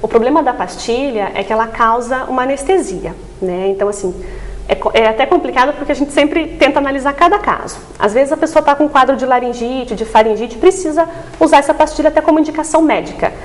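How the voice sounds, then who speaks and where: This woman, a voice therapist, is a specialist guest in a TV interview, speaking quickly in a high voice. She takes a didactic approach and keeps adding brief tag questions to draw agreement.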